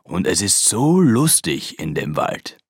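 Sly storybook wolf, very deep and husky, lively sinister swoops, read by a woman. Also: no room sound, studio quality, heavily acted. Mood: coaxing. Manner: slow, coaxing and sinister. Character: sly hungry male wolf, scheming.

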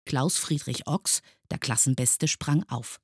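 A woman reading a children's book aloud in a calm, expressive storytelling manner. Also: very deep voice, takes it slowly, breathy edge, no echo, clean studio sound. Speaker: reader.

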